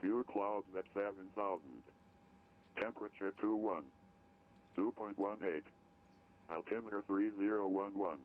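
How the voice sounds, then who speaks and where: A deep-voiced man reads an airport weather broadcast over the aircraft radio. He goes through the numbers in a steady, measured way. The sound is thin and tinny like a radio line, with a faint hiss underneath. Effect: recorded airport weather broadcast over aircraft radio. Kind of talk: reading airport weather information.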